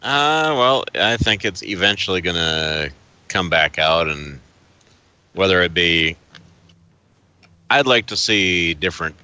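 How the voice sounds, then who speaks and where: A man's voice: sits low, expressive, takes it slowly, long pauses, sharp tone, clear, resonant tone. A man answering briefly and hesitantly as a guest in a casual podcast. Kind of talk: casual chat. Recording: dull, dry sound.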